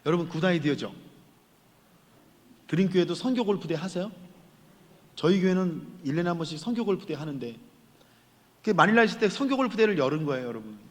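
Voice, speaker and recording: A male guest pastor preaching at a revival, telling a story with animated quoted voices. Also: fairly high pitch, fast talker, pauses often. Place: large church sanctuary. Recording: long church hall reverb.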